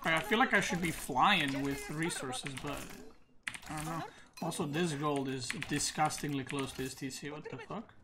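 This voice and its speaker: A man streamer thinking aloud in casual gaming commentary, relaxed and full of "like". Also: fairly high pitch, moderate pace, a crowd in the background. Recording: noisy stream mic.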